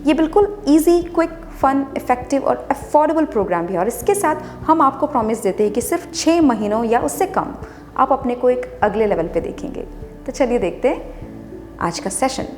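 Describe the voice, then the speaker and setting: A woman's voice: high voice, lively intonation, moderate pace, a little mellow. A woman explaining English words in Hindi, spelling them out letter by letter and repeating each one patiently. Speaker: English teacher. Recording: long reverb with music behind.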